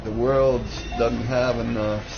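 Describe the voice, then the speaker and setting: A man co-hosting a casual let's-play video, joking and rambling through drawn-out asides. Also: mid-range voice, little pitch movement, gravelly. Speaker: gaming video co-host. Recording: dull lo-fi with game music.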